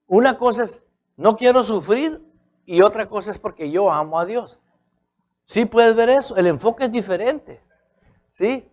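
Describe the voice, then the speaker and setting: A male pastor, preaching a conversational sermon. He keeps checking in with his listeners and repeats key phrases for emphasis. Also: sits high.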